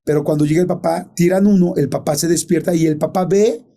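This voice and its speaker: A man's voice: fairly high pitch, fairly even intonation, quick pace, dark tone. A man telling a ghost story in casual chat, rambling with many fillers and self-corrections.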